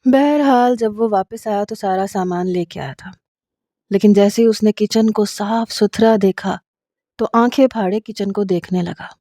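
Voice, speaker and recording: A woman narrating a first-person romantic story in a steady, earnest way. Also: medium pitch, no echo, studio quality.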